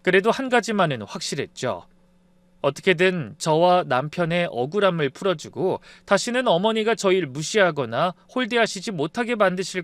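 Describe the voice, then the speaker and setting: A man tells a scripted story in a confiding, conversational tone. His voice sits high for a man, and the recording is dry and close. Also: a bit bright, dry recording. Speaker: narrator.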